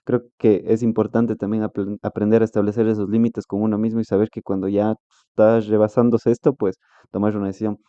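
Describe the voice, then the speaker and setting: Male host asking long winding questions, flat low dark voice, dry dull recording. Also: brisk, no echo. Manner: rambling questions, frequent "ujú" backchannels. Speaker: interviewer, podcast host. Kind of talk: casual interview talk.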